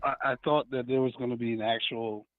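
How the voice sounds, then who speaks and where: A man's voice: mid-range voice, fairly even intonation, brisk, over a noisy crowd. A man calling in by phone to a casual sports debate, arguing his case and repeating his points. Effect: heard over a phone line. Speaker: caller. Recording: dull, dry lo-fi phone call.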